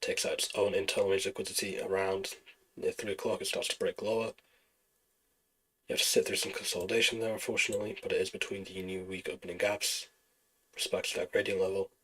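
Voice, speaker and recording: A man streaming live trading, talking through charts and answering chat questions in a relaxed, explanatory way. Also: deep voice, a little fast, a little hiss or hum, poor audio. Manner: relaxed, explanatory, thinking aloud over charts.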